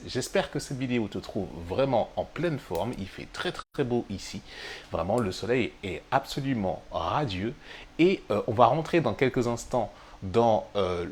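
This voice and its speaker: A man's voice: mid-range voice, slight background noise. A French-speaking man hosting a live English-learning stream, talking directly to the viewer in a chatty way with many fillers. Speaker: English teacher and host. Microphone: webcam or phone of a live stream.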